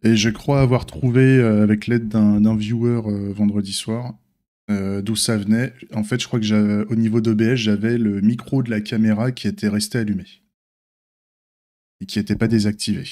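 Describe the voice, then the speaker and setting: A man's voice: on the low side, fairly even intonation, moderate pace, warm tone. A man with a slight lisp and slushy s sounds, giving a casual unscripted stream update in an informal, hesitant, thinking-aloud way. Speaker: streamer and software developer.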